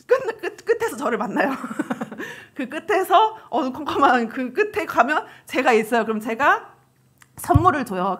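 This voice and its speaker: A woman evangelist telling a lively story in a sermon, laughing often and acting out children's voices. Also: high voice. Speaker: evangelist preacher.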